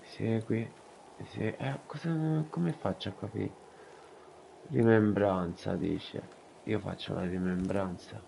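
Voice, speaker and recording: Deep gravelly man gaming. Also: slow, dark tone, a little hiss or hum, low-quality recording. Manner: muttering to himself, blunt and sweary. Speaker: gamer. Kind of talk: casual gameplay commentary.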